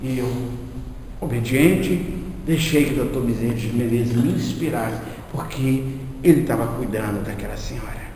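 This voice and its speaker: A man giving a spiritist lecture, telling a story in an animated way and acting out the dialogue. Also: medium pitch, moderate pace. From Minas Gerais, Brazil. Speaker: guest lecturer at a spiritist center. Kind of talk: spiritist lecture told as an anecdote. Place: spiritist center lecture hall. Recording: echoey hall reverb with faint noise.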